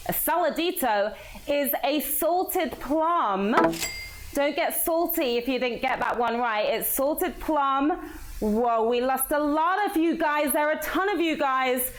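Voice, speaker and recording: A woman hosting a live trivia game show, energetic and playful, with a sing-song delivery. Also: high-pitched, slow, a little hiss or hum. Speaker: quiz show host. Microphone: played through a phone app. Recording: background music from the app.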